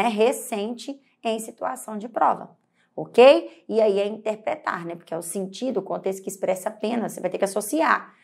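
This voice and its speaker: A woman's voice: medium pitch, creaky. A woman teacher with a Brazilian Portuguese accent, giving an exam-prep grammar lesson and addressing the student directly with frequent tag questions.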